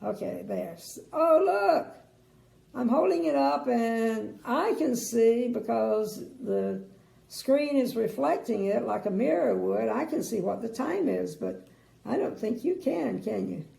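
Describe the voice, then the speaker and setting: An older woman, a sweet grandmotherly storyteller with a creaky voice, reads a bedtime story expressively and adds chatty asides. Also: on the high side, expressive, unhurried, warm tone. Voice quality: creaky, gravelly. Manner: sweet old lady, grandmotherly. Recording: roomy indoor echo.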